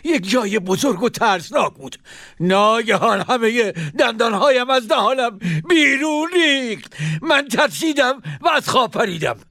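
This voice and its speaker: Jittery caliph, played by a man, high, gravelly, insistent. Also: animated, bright, forceful tone, no echo, clean studio sound, full character voice. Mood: impatient. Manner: frantic, insistent, repeats words. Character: anxious, short-tempered caliph, a ruler. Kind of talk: storybook drama.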